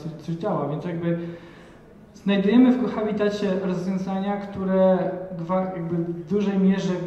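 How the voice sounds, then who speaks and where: A man's voice: fairly high pitch, mellow, slight background noise. Thirties male speaker from Poland, hesitant, heard from a distance through a dull, long-reverb hall. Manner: hesitant, many fillers and restarts. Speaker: panel speaker. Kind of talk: reflective talk at an event. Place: large hall with audience. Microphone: handheld mic.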